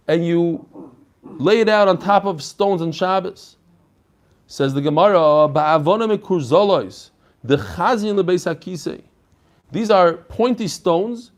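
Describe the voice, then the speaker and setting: A man giving an informal religious lesson as a rabbi, explaining conversationally and posing rhetorical questions. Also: fairly high pitch. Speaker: rabbi teaching a daily Talmud class.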